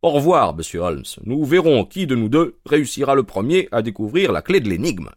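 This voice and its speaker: A man voicing a boastful middle-aged police inspector who talks indignantly and with a sharp tongue. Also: mid-range voice, sing-song, brisk, no echo, clean studio sound, voice pushed up.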